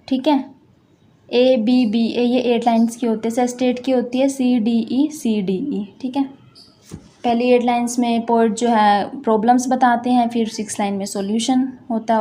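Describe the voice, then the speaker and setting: Female literature teacher, high and soft-toned, slow read-alouds, frequent check-ins with the class. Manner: reads English text slowly, then explains in Hindi with frequent "theek hai". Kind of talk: classroom lecture.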